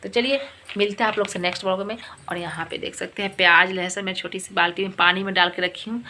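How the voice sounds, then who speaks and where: A woman's voice: mid-range voice, steady tone, quick pace, sharp tone, a little hiss or hum. A middle-aged woman with a cold, chatting in her home kitchen and retelling a story in a casual home vlog. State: has a cold. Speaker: vlogger.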